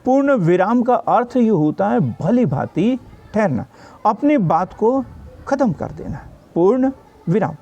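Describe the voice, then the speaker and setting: A man's voice: sits high, very animated, unhurried, darkish tone, muffled recording, soft background music. A man teaching a grammar lesson for exam preparation. He explains patiently, repeats each definition and checks in with his students.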